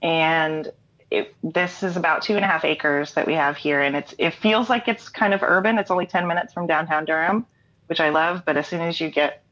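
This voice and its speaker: Calling in from home for an interview, a middle-aged American singer-songwriter and writer chats casually and explains things in an easygoing way. Her voice is low and a bit bright, at a normal speed. The remote call audio is dull and lo-fi.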